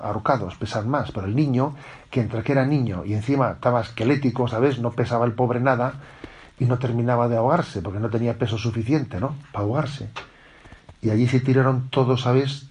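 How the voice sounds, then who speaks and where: A man's voice: medium pitch, a little mellow. Conversational male preacher. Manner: conversational preaching, peppers sentences with tag questions. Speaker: bishop giving a retreat talk. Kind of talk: spiritual retreat talk to young people.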